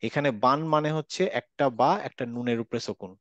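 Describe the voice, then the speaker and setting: A man's voice: medium pitch, fast, a bit bright, dry recording, highs cut off. A man teaching a Quran recitation class online, patiently repeating examples and checking that students follow. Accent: Bangladeshi Bengali.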